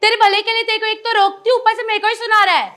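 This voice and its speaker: A woman's voice: very high voice, little pitch movement, rapid-fire, pushed and bright. A young woman playing a bossy, exasperated older sister in a comedy sketch. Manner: scolding, exasperated. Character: bossy older sister, bickering with her brother. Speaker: vlogger.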